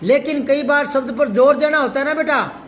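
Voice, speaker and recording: A man teaching a Hindi grammar lesson to a class, patiently repeating example sentences slowly. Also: very high voice, a bit bright.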